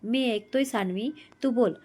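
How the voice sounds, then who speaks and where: A woman's voice: a little high, normal speed, a little mellow, close to an everyday voice. A woman voicing a young husband who talks to his wife in a teasing, affectionate way, read in her own voice as part of a storybook reading.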